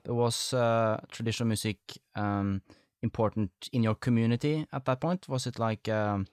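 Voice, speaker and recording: A man's voice: mid-range voice, steady tone, normal speed, smooth, dry recording, clean studio sound. A man hosting a casual podcast interview, talking in a tentative, rambling way. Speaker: podcast host.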